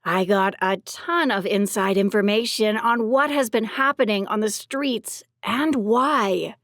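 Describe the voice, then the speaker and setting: A woman voicing rough, foul-mouthed women bounty hunters in an audio drama, talking in crude street slang. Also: mid-range voice, measured pace, fairly bright tone, dry recording, clean studio sound. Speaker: voice actor for three women characters. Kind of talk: audiobook character dialogue.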